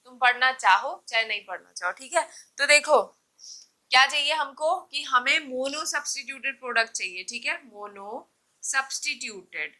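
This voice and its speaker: High bright-voiced woman teaching chemistry. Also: animated, normal speed, low-quality recording. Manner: rhetorical questions answered herself, teasing students. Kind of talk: classroom lecture.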